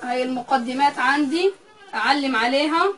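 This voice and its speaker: A woman teaches a recorded math lecture. Her voice sits high, and she works through the material step by step, saying each value aloud more than once. The mic is some way off, so she sounds a little distant. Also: brisk, fairly bright tone.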